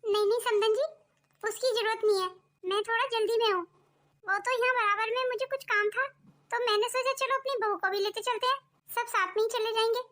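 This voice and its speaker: Lady doing a bossy cartoon saas, squeaky high and bright, always lecturing. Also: fairly even intonation, fairly quick. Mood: scolding. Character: strict controlling middle-aged mother-in-law. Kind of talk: cartoon voice acting.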